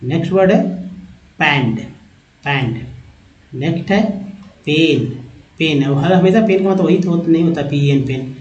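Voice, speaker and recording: A man with a Hindi accent teaching English reading, spelling out letters and repeating each word slowly. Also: a little high, mellow. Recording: echoey lo-fi room recording.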